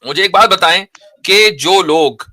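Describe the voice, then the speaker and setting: Bright, sharp-voiced man debating. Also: sits high, a little slow. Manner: argumentative, probing, repeats points. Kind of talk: live religious debate, question and answer.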